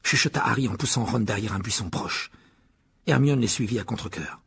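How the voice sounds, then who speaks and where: Audiobook narrator, man, husky and expressive. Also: on the low side, a little fast. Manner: expressive, storytelling. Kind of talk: scripted narration.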